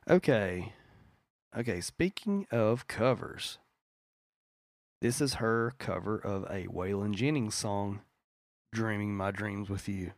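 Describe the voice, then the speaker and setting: A man's voice: lowish voice, slow pace, long pauses, dry recording, clean studio sound. A man co-hosting a podcast, chatting eagerly about music with lots of fillers and restarts. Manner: enthusiastic, rambling with fillers. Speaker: podcast co-host. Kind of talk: casual music chat.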